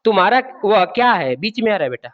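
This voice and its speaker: A male teacher with a high, very animated voice talks fast while giving a classroom grammar lesson. He quizzes the class, repeats key words, and calls students babu and beta, all on dull lo-fi sound.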